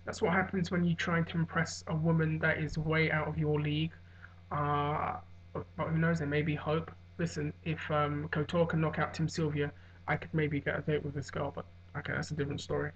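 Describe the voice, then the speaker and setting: A hungover man giving a casual, rambling solo recap as a vlogger, musing and hesitant with trailing pauses. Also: fairly high pitch, level tone, a little hiss or hum. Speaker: vlogger giving fight commentary. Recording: dull, lo-fi sound.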